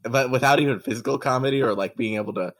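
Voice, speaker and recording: A man's voice: medium pitch, fast, a bit bright. A man co-hosting a music podcast, giving his opinions in a chatty, opinionated way with lots of "like". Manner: chatty, opinionated, filler-heavy. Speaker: co-host. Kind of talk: casual podcast chat.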